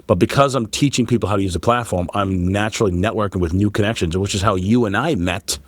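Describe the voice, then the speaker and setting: Boston guy talking fast and lively, kinda salesy, dry close mic. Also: fairly low pitch, no room sound. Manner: fast, energetic, salesy storytelling. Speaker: podcast guest, PR agency founder. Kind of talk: casual conversational interview.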